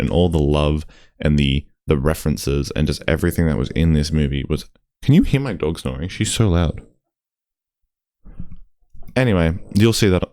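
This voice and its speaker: A man's voice: extremely low pitch, creaky, dark tone, no room sound, studio quality. A young man, ranting casually in a vlog, exasperated and swearing often. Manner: exasperated, swears often, mimics crowd voices. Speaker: YouTuber.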